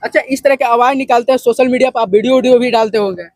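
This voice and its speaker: Very high-pitched man interviewing. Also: steady tone, rapid-fire, a little mellow, dry recording, studio quality, soft background music. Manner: repeats answers back, prompting. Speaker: interviewer, video channel host. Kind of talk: informal on-location interview.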